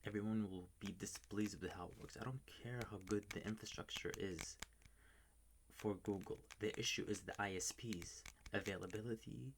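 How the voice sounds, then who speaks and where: A man's voice: fairly low pitch, slight background noise, poor audio. A man whispering close to the mic, ranting casually and swearing often in a homemade ASMR video at home at night. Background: faint keyboard tapping and clicks.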